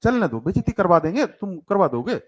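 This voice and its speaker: This entrance-exam coaching teacher has a high, sing-song voice with a breathy edge and a slightly fast pace. In his live online math class for children, he teases and coaxes his pupils, mixing English terms into what he says.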